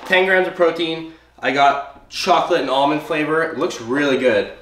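A man's voice: on the high side, moderate pace. Congested young man vlogging casually. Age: young adult. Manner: chatty, upbeat, explains item by item. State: congested, sick. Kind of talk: casual grocery haul vlog. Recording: roomy, distant, noisy home recording.

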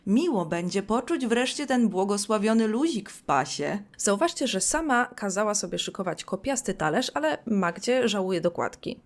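A woman's voice: mid-range voice, big pitch swings, normal speed, hardly any pauses. A woman narrating a scripted video essay, reading book passages aloud with dry, sarcastic commentary.

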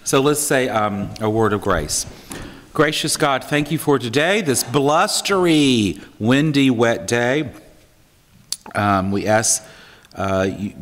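A middle-aged man from Florida leads a prayer at a lectern, speaking earnestly with small stumbles. His voice sits a bit low. The sound carries a long reverb from a church hall. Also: fairly bright tone. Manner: earnest, with frequent ums and restarts. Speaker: pastor. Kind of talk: welcome and spoken prayer. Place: church hall stage before a red curtain. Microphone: stand microphone at a lectern.

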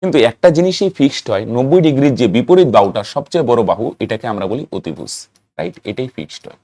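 A man's voice: mid-range voice, animated, fast talker, dark tone, no echo. A man teaching a math lesson, asking students questions, answering them himself and chanting terms to help memory. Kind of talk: classroom-style lesson to students.

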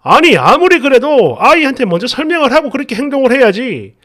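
A woman's voice: high-pitched, sing-song, fairly quick, fairly bright tone, exaggerated voice. A woman voicing a stern, confrontational father who talks in a curt, accusing way, in a dramatized story reading. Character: stern, confrontational young father, middle-aged man.

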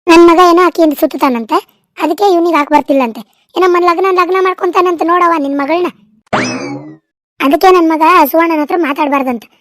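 A woman voicing an angry village mother who shouts accusations in a North Karnataka Kannada accent for a cartoon. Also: very high-pitched, fast talker, no echo. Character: furious loud village mother defending her son. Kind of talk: cartoon dub acting.

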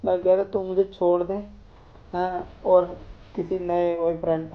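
A man's voice: high-pitched, little pitch movement, a little slow. A young man hosting a prank video, pleading and soothing, using pet names over and over. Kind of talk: staged prank conversation. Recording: dull audio with faint noise.

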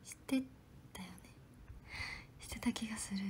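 A young woman, an idol trainee, chatting politely on a livestream and answering viewer comments, often dropping into soft whispered asides. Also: on the high side, measured pace.

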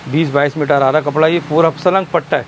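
Man, 30s, shopkeeper sales pitch, a bit high-pitched, faint noise behind. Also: fairly even intonation, fast talker. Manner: eager, repetitive product praise. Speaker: cloth shopkeeper. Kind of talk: sales pitch to a video host. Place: cramped indoor fabric warehouse.

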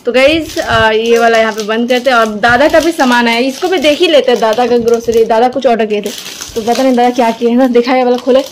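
A young mother vlogs at home, chatting loosely and repetitively to viewers while she and her child unbox groceries. Her voice is a little high and a little fast, with a slight hiss or hum in the recording.

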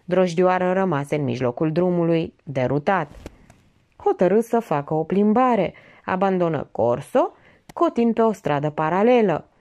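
A woman narrating an audiobook with an expressive, steady reading. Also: fairly low pitch. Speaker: audiobook reader.

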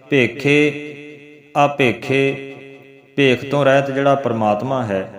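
A man teaching the pronunciation and meaning of scripture, slowly chanting each verse and then explaining it. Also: mid-range voice, roomy sound. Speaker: Gurbani teacher.

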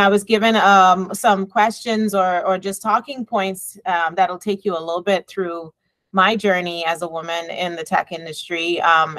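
Speaking over a laptop webcam from an office lined with bookshelves beside a window, this middle-aged engineering professor and department chair from the Bahamas delivers a thoughtful, measured conference talk. Her pitch is fairly low and her tone fairly bright, though the recording is rough and has no room sound. She leans often on fillers like um and you know.

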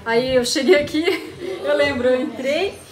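A Brazilian woman with a high, bright voice tells a personal story in a relaxed, chatty way, acting out each line of dialogue. The room is echoey. Other voices murmur in the background. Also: measured pace, crowd noise. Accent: Brazilian Portuguese. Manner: animated, acts out dialogue, laughs often. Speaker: storyteller guest. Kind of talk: casual storytelling chat. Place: home in Japan.

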